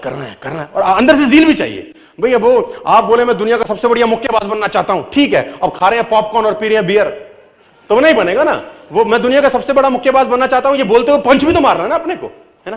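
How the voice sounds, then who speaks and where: A middle-aged man with a high-pitched voice gives a motivational talk, telling his own story. He swings from loud, emphatic peaks to low, quiet asides and drops English phrases into his speech. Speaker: motivational speaker.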